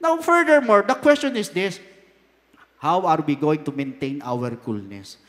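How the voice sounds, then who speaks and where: A man with a Filipino accent preaching a sermon, emphatic and swinging between loud and soft. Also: fairly high pitch, animated, measured pace. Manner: mixes Tagalog and English. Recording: long hall reverb.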